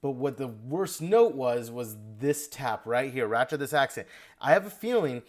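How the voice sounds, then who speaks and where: Male drum instructor, energetic feedback delivery, sings rhythms, mid pitch. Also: normal speed. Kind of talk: video lesson feedback.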